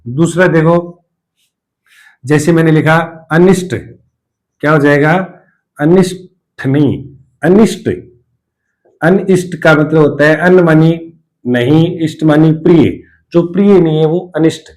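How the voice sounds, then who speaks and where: A man with a Rajasthani Hindi accent, teaching a Hindi spelling lesson at a board, repeating each word and asking and answering his own questions. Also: fairly high pitch.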